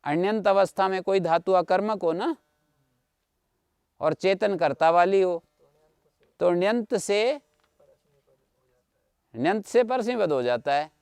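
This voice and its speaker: A man lecturing on grammar in a high, smooth, clear voice with a gravelly edge. He explains patiently, goes over each point more than once and stops to check whether his students follow. The sound is dry and close. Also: animated, slow pace, pauses often, darkish tone, dry recording. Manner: patient, repeats points, checks understanding with listeners. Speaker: Sanskrit grammar teacher. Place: online video class.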